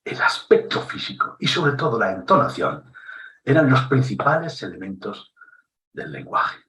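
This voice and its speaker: A man with a Spanish accent from Spain giving an instructive talk on public speaking, deliberate and emphatic, using pauses and shifting intonation for effect. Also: medium pitch, very animated, sharp tone. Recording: roomy echo, somewhat distant mic.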